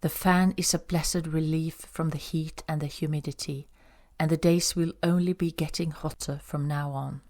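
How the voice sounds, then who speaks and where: A woman narrating an audiobook in a calm, even storytelling manner. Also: low-pitched, normal speed.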